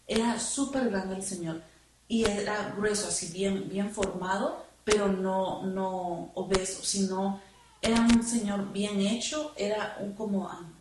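A woman telling her testimony in church, halting and repeating words as she remembers. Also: mid-range voice, fairly even intonation. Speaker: church member giving testimony. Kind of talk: spoken testimony. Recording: echoey room, far from the mic, noisy.

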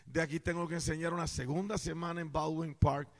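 Caribbean man preaching in a church, high gravelly voice, booming and joking with the crowd, long hall echo. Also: fairly even intonation, fairly quick. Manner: loud, playful, jokes with the congregation. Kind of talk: sermon.

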